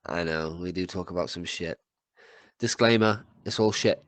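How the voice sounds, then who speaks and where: Here a podcast co-host with a cold talks in a low voice at normal speed, recorded dry. He rambles casually, curses, and trips over his words, often repeating himself.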